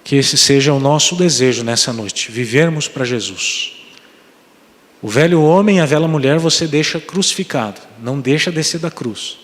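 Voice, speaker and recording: Brazilian Portuguese pastor in reverberant church. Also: male voice, mid-range voice, moderate pace. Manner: earnest, appealing to the congregation. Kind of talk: sermon and prayer. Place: church sanctuary.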